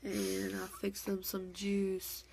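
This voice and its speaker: A young woman tells a personal story the way she'd tell it to a friend, rambling along with plenty of "like" and "um" and acting out what everyone said. Her mid-pitched voice carries a steady gravelly fry. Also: slow, a little hiss or hum. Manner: rambling, full of "like" and "um", quoting others.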